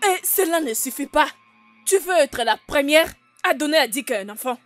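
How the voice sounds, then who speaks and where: A woman's voice: high-pitched, animated, normal speed, a bit bright, soft background music. A woman voicing a jealous, scheming co-wife in a dubbed film, harsh and threatening. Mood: menacing.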